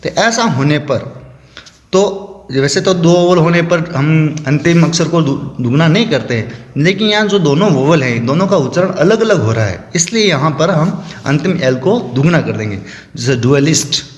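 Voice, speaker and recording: A man teaching a lesson, slowly and methodically explaining rules and spelling out example words. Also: on the high side. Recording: echoey room with long reverb.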